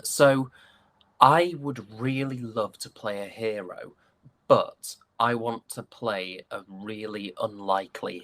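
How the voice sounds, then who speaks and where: A British interview guest, a stage and voice actor from the United Kingdom, talks casually and thoughtfully about his craft with clear enthusiasm. His voice is lowish and a bit bright.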